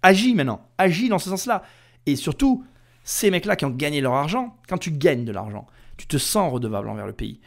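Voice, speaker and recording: A man's voice: a little high, sing-song, fairly quick, gravelly. A man hosting a podcast, heated and indignant, talking straight to the listener. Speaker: podcast host. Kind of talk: ranting podcast commentary.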